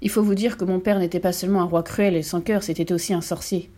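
A woman voicing a gentle, weary ghost princess who speaks softly and sorrowfully, in a storybook reading. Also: on the low side, steady tone, fast, natural voice. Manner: soft, sorrowful telling.

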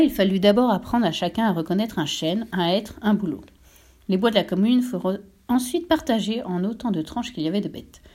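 Woman reading a storybook, mellow. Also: medium pitch. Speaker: narrator.

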